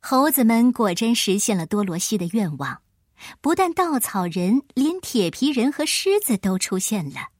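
A woman storyteller giving expressive scripted narration of a children's tale. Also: a little high, normal speed, dry recording, studio quality.

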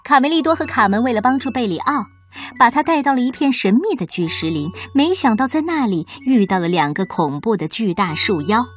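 A woman hosting and reading a children's bedtime story aloud, gentle and expressive. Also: fairly high pitch, brisk, soft background music.

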